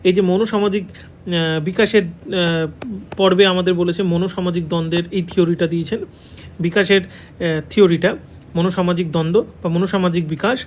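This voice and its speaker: High-voiced Bengali man teaching a lesson. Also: fairly even intonation, brisk, pauses often, a little hiss or hum. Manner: repeats key answers, checks in with "ঠিক আছে". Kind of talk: online exam-prep lesson. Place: classroom with a board.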